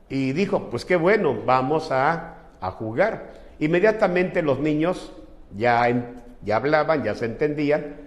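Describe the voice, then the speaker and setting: A man preaching as a pastor, explaining earnestly and retelling a visit with quoted dialogue. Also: fairly high pitch. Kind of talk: sermon with personal anecdotes. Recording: echoey hall with long reverb.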